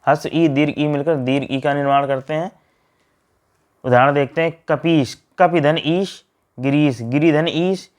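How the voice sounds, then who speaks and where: A man teaching a grammar lesson, reading out word pairs and splitting each one in a steady drill. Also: fairly high pitch, measured pace.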